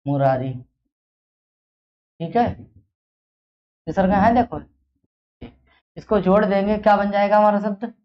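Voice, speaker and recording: A man's voice: sits high, expressive, measured pace, pauses often. Man drilling students with repeated questions. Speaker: teacher. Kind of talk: classroom grammar lesson. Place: classroom with students. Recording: dull lo-fi recording.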